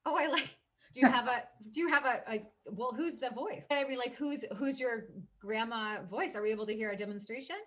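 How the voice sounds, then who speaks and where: A woman's voice: fairly high pitch, brisk, a bit bright. A woman hosting a casual interview over a video call, an eager and enthusiastic voice teacher. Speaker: host, voice teacher.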